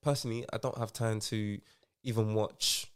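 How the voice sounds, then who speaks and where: A man's voice: lowish voice, steady tone, moderate pace, clear, resonant tone. A man with a London roadman accent chatting casually in slang as an interviewed footballer, laid-back and full of tag questions. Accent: London roadman, multicultural urban London. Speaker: footballer being interviewed as podcast guest.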